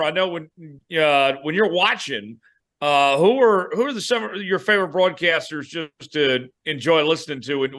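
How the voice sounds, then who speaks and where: A man co-hosting a podcast, asking long questions broken by many "uh" pauses. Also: mid-range voice, a bit bright. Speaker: radio and TV host, co-host. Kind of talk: casual podcast chat.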